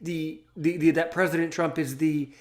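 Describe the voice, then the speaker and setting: Speaking at a moderate pace, this thirtysomething man has a fairly high pitch and fairly even intonation. He's interviewing a guest in a casual way, eagerly agreeing while he stammers and restarts again and again.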